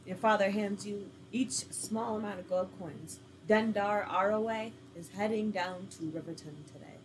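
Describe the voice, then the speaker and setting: A woman's voice: medium pitch, steady tone, normal speed, background noise. A woman reading an interactive story game aloud, with casual, laughing asides.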